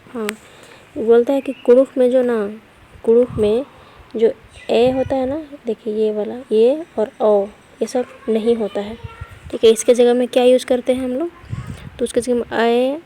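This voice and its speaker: A woman's voice: on the high side, fairly even intonation, moderate pace, mellow, slight background noise. A woman giving an online language lesson. She explains step by step, reads letters and example words one at a time, and often checks in with "okay". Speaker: language teacher.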